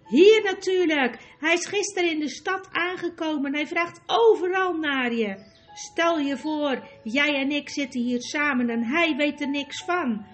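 A woman reading an audiobook voices a vain, giggly young noblewoman with a slow drawling voice. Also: high voice, expressive, faint music behind. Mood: amused. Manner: chatty, loud, giddy. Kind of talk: audiobook character voice.

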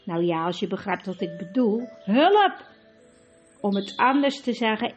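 A woman's voice: a little high, muffled recording. A woman doing a stammering, fussy dwarf. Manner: hesitant, stammering, apologetic. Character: fussy hesitant male dwarf.

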